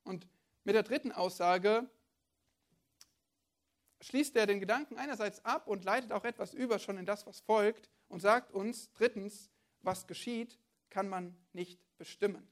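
A woman's voice: mid-range voice, measured pace. A woman preacher giving a sermon, talking to her listeners directly and often asking them rhetorical questions.

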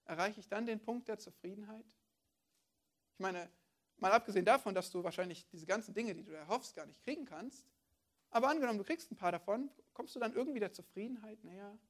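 A woman delivers a sermon in an easy, conversational tone, speaking straight to her listeners. She keeps posing questions back to them. Her voice sits at an ordinary middle pitch. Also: a little fast. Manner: conversational, addresses listeners directly with rhetorical questions. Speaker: preacher.

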